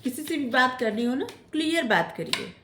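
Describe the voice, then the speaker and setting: A woman tarot reader giving gentle spiritual advice, often checking in with "theek hai?" as she talks. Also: high voice, expressive, normal speed, echoey room, slight background noise. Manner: gentle coaching tone, ends phrases with "theek hai?". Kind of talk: casual spiritual advice talk.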